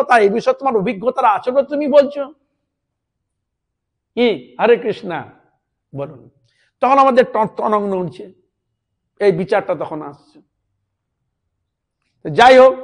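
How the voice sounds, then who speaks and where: Male monk preacher with a very high voice, delivering a devotional sermon and checking in with listeners through rhetorical questions. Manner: drops into a lower, softer voice at the ends of points; chants words over and over as a demonstration.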